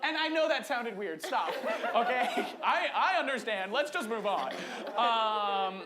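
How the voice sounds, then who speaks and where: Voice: medium pitch, a little slow, heavy background noise. The host of a live improv comedy show, hyping up the crowd and bantering from the stage, often raising the voice to rally them. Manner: animated, often shouting to rally the audience. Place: on a stage before an audience.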